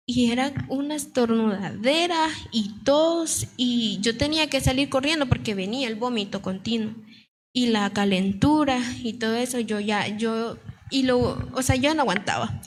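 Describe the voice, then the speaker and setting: A woman's voice: on the high side, a little hiss or hum. A young woman from a church giving an earnest testimony to her congregation, repeating herself as she tells it, her throat still sore. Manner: earnest, repetitive storytelling. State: sore throat, slight cough.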